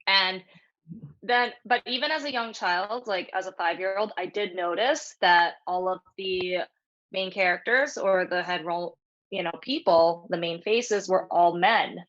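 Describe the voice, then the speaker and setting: A woman's voice: lowish voice, unhurried, fairly bright tone, muffled recording. A woman, a martial arts guest, speaking thoughtfully with many fillers in a casual interview over a video call. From New York City. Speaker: guest, naginata practitioner.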